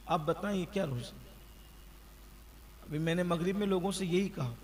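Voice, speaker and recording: A man delivers a sermon, his voice pitched high. He exhorts his listeners and asks rhetorical questions. The sound rings with long reverb, as in a large hall. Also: a little hiss or hum. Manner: exhorting, rhetorical questions, chants the creed slowly. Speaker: preacher. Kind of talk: Ramadan sermon.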